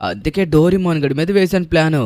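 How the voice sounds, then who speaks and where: A man hosting a playful game role-play, chatty and animated, sometimes calling out. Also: a little high, fast, dry recording, studio quality. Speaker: gaming channel host.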